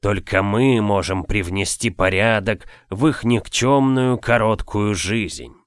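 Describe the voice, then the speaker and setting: A man voicing an ancient, domineering male gatekeeper program in an audiobook, speaking slowly and with contempt. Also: fairly low pitch, dry recording, studio quality. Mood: contemptuous. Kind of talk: audiobook character voice.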